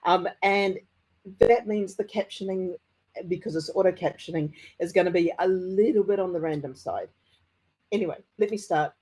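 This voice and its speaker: A middle-aged conference speaker with a broad Kiwi accent and a soft, husky voice. The delivery is mellow and deliberate, explaining step by step, with a slight stutter now and then. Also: medium pitch, rough recording. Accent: broad New Zealand. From New Zealand. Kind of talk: conference presentation.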